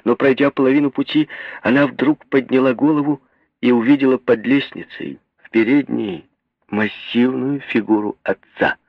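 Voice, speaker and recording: Male audiobook narrator, mid pitch, husky; dry lo-fi sound. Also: steady tone, normal speed, dry recording.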